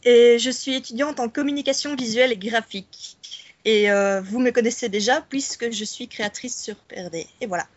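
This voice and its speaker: A woman's voice: a little high, normal speed, no room sound. A woman in her twenties from Belgium with a Belgian French accent, cheerfully introducing herself as a new columnist. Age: 20s. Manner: cheerful, joking. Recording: dry, dull lo-fi audio.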